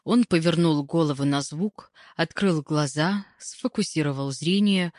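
Female audiobook narrator, low voice, wry and expressive, dry close sound. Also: measured pace, no room sound. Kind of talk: first-person audiobook reading.

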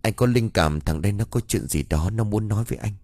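A man's voice: fairly low pitch, expressive, fairly quick, a little mellow, dry recording. A man voicing a usually fearless village husband who is now uneasy and bewildered, speaking hesitantly in an audio ghost story. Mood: troubled.

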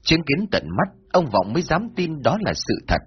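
A man telling a folk tale in expressive scripted narration. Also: on the high side, moderate pace, breathy edge. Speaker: storyteller. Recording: dull lo-fi, faint music.

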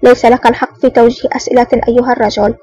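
A woman's voice: fairly high pitch, little pitch movement, rapid-fire, mellow, breathy edge, lo-fi sound. A woman reading a scheming male secret agent who feigns anger in an audiobook. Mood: mock-angry. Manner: curt, mock-angry. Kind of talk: audiobook narration.

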